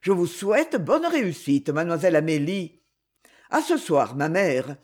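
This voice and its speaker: A haughty young duke, elegant and quick-spoken, as a woman reads him in a storybook, pitched lower than her narration. The tone is slightly husky. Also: big pitch swings, a little mellow. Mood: brisk. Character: proud young male duke, elegant and brisk.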